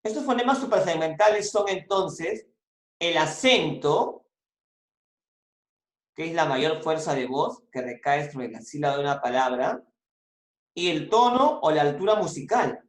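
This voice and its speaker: Slow, patient teacher in a roomy room. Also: medium pitch, lively intonation. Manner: patient, repeats and prompts students. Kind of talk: online class lesson.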